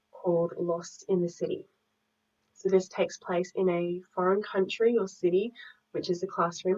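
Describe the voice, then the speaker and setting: A woman presenting a drama lesson plan, reading in a measured, explanatory way. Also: on the low side, darkish tone, distant mic. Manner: measured, explanatory, reads from a script. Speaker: student teacher presenting a lesson. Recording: muffled audio, speaker away from mic.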